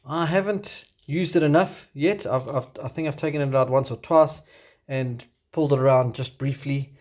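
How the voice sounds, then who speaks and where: A man with a broad South African accent presents his gear as a kayak angler in a casual, unscripted show-and-tell, with halting, hesitant phrasing. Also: mid-range voice, darkish tone.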